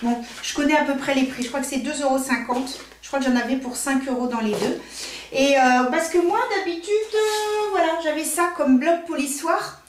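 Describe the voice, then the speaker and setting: A French nail technician and makeup artist chats casually as she unboxes something, thinking out loud with lots of fillers. Her voice is high-pitched at a normal speed, with slight background noise and a roomy echo.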